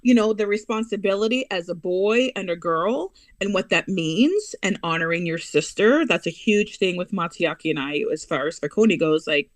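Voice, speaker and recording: In a casual interview, an American woman guest talks about her children and values in an earnest, emphatic way, quickening and slowing her pace for emphasis. Her voice is fairly low in pitch and animated, and there's no echo.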